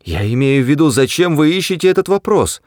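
A bewildered ordinary man in a storybook reading, fumbling to make sense of things, as a male reader lifts his voice. His questions come out high and uncertain, with a lively, moving pitch. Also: quick pace, no room sound, studio quality. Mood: flustered. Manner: flustered, confused.

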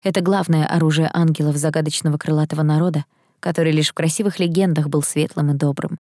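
A woman reads a fantasy audiobook in first person, calm and measured. Her voice is low, and the recording is dry and close. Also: no room sound. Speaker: audiobook reader.

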